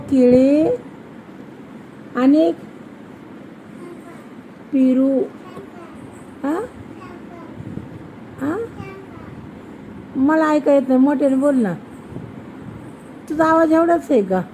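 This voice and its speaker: A young mother, coaxing her toddler in a slow, sing-song voice and repeating her questions. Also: sits high, dark tone, slight background noise, rough recording. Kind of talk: casual coaxing chat with a small child.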